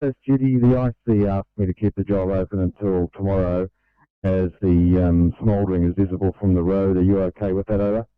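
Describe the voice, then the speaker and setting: A man's voice: sits low, steady tone, a little fast, smooth, no room sound. A man working as an emergency radio operator, talking procedurally over a walkie-talkie. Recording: thin narrow-band two-way radio.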